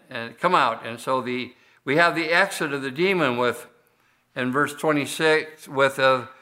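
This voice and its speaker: An older man delivers a sermon from the pulpit in a bright, clear-toned voice. He speaks in a measured, unhurried way. He often stops mid-phrase and starts over before moving on. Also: on the high side. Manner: measured, unhurried delivery with frequent pauses and restarts. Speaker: pastor.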